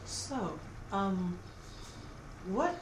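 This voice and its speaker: In an echoey room with clear background noise, a woman interviews someone for an oral history recording. Her questions come very slowly in a medium-pitched, sing-song voice.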